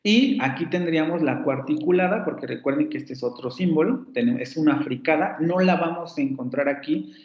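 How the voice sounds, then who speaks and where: This echoey, muffled lo-fi class recording captures a phonetics professor speaking with a Mexican Spanish accent. His voice sits fairly high, and he explains things one step at a time, saying example words slowly and more than once.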